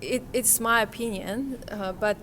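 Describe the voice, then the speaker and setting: In an unhurried, slightly bright medium-pitched voice, a woman from Kazakhstan reflects aloud during an interview at a conference, pausing often to find her words. A little hiss or hum runs under the recording.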